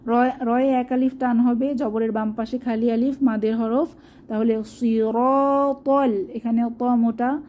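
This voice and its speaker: A woman teaching Quran recitation step by step, stretching out each recited word slowly before explaining it. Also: a little high, little pitch movement, mellow. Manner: slow, drawn-out demonstration of recited words between explanations.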